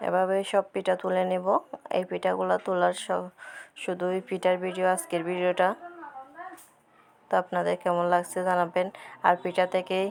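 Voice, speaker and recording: A woman vlogger walks viewers casually through her cooking step by step at a village cooking spot with a wind-blown fire, repeating herself as she explains each action. Her voice is lowish, creaky and darkish, completely flat, at normal speed with frequent pauses. The home recording is noisy.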